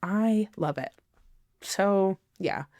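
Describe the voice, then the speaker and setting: A woman's voice: mid-range voice, drawn-out words, darkish tone, no room sound. A woman hosting a podcast in a scripted monologue, giggly and self-deprecating, laughing and apologizing at her own slips. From not from the city she lives in now. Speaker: podcast host.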